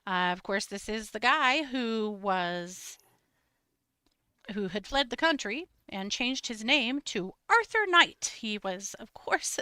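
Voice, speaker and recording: A woman's voice: a little high, expressive, slow pace, sharp tone, smooth, no echo. A woman co-hosting a live true crime show, chatting casually with wry, sarcastic humor. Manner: wry, sarcastic, laughs often. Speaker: true crime podcast co-host. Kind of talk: casual chat, live stream.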